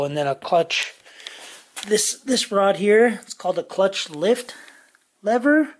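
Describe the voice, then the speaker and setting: A fairly high-pitched motorcycle vlogger from California casually walks through motorcycle parts in his home garage. He rambles with lots of pauses, ums and restarts, picked up by an off-screen handheld camera mic.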